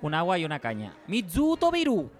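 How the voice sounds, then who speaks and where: A man's voice: high-pitched, wildly swooping pitch, a little fast, soft background music. A man playing a restaurant waiter who throws in made-up Japanese phrases in a comedy radio sketch. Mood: polite. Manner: blurts made-up Japanese interjections.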